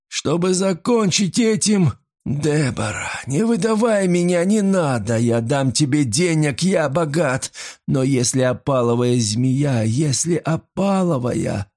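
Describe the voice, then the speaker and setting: A man voicing a rich, fearful old father who swings between frantic pleading and weary quiet. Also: mid-range voice, creaky, slightly rough, voice pushed up, heavily acted. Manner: outbursts of panic and pleading.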